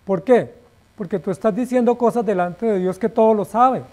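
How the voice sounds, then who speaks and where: A male pastor preaching a sermon emphatically, asking rhetorical questions and letting his phrase endings fall quiet. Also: sits high, moderate pace.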